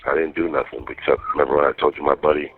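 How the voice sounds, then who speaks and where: A man's voice: rumbling low, steady tone, racing, soft background music. A man chatting casually on a prison phone, telling things in streetwise, profane slang over a muffled call. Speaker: jail inmate calling partner. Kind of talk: casual private phone chat from jail.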